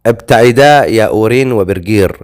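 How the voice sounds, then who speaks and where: A man's voice: lowish voice, fairly quick, darkish tone, natural voice. A man reading the lines of a proud, wounded noblewoman warrior in an audiobook, speaking in a haughty, commanding way.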